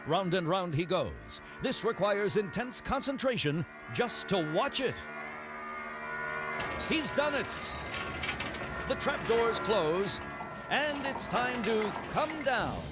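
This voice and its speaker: A man's voice: sits high, very animated, takes it slowly, loud music behind the voice. A man narrating a TV segment in a scripted, dramatic announcer style.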